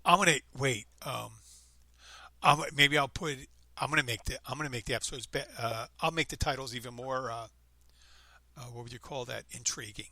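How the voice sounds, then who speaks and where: A man's voice: mid-range voice, a little fast, sharp tone, no room sound. A man in his fifties hosting a podcast, chatting casually and rambling with frequent restarts. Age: 50s. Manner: rambling, upbeat, self-interrupting. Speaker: podcast host. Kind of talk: casual chat.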